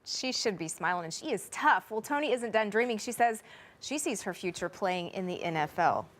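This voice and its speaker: A woman's voice: mid-range voice, animated, normal speed, a bit bright. A woman reporter introducing and closing a sports story live in an upbeat way. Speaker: field reporter.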